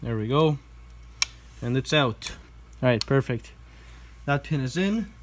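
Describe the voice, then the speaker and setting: A man vlogging casually while he works on a motorbike indoors, talking with a relaxed manner and thinking aloud with fillers. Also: mid-range voice, a little slow, noisy background. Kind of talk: casual commentary while working. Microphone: camera mic, handheld then set down.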